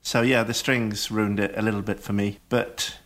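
A man on a radio panel, giving measured, slightly grumpy opinions on a song. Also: on the low side, level tone, fairly bright tone. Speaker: music panelist. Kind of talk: casual music review chat.

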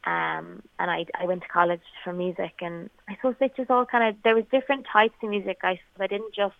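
Heard over a thin, phone-like radio call line with no room sound, this young singer-songwriter from County Kerry, Ireland, talks casually in her west of Ireland accent during an interview. Her mid-range voice is creaky and fairly even in intonation, and she speaks fairly quickly.

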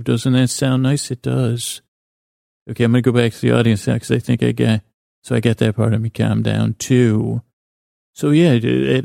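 This is a gentle bedtime monologue from a man whose voice is deeply creaky and gravelly yet mellow and soft at the edges. He wanders along in a flat, lulling tone, stopping, doubling back and cutting himself off. The recording is intimate and dry, much like a podcast host quietly addressing listeners.

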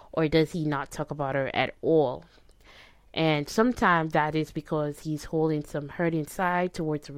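A woman podcast host talks casually to her listeners in a low, smooth voice. She gives advice conversationally, often checking in with little tag questions, and the sound is close and dry. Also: no room sound.

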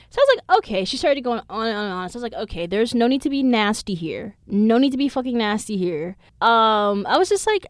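A woman's voice: medium pitch, dry recording, clean studio sound. A woman in her twenties hosting a podcast, telling a story in a casual, blunt and profane way. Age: 20s. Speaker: podcast host. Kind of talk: casual chat.

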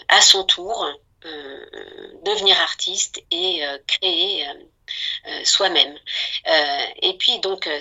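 A woman's voice: fairly low pitch, sharp tone. A woman presenting a film programme off the cuff, hesitating often with fillers and restarts. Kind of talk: unscripted spoken presentation. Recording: dull lo-fi recording.

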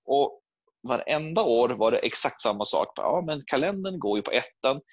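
A Swedish man in his thirties, co-hosting a casual chat and telling a lively story, mimicking the people in it. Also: no echo. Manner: animated storytelling, jumps into high voices for quoted people. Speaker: podcast co-host.

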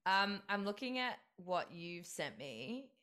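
A woman's voice: mid-range voice, sing-song, takes it slowly, sharp tone. A hungover woman co-hosting a podcast, telling rambling, giggly stories in casual comedic chat. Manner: giggly, rambling storytelling with dramatic quoted asides. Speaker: podcast co-host.

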